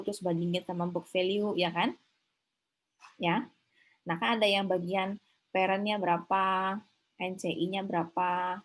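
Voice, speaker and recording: In a mid-range voice, a woman runs a relaxed online accounting lecture, working through ideas aloud. She often seeks confirmation from students with quick tag questions, and the class recording sounds rough.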